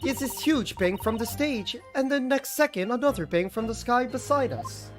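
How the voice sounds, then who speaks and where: A man voicing an excitable wealthy male witness, speaking high and theatrical with a put-on Italian accent. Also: moderate pace, music in the background. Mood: excited. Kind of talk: game dialogue read-along.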